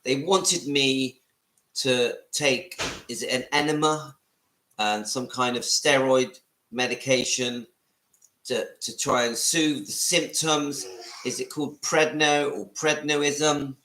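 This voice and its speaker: A man's voice: medium pitch, fairly even intonation, slow, bright, forceful tone, echoey room, poor audio. A man in his fifties from southwest England with a West Country accent, chatting casually to viewers on a home livestream and greeting commenters by name. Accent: West Country English. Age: 50s. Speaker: livestream vlogger. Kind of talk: casual live chat to viewers. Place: room at home.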